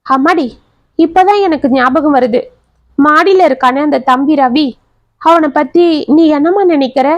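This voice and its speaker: A woman's voice: high voice, a little slow, dry recording. A woman storyteller voicing an aging, grieving father who speaks tenderly to his daughter. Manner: tender, tearful.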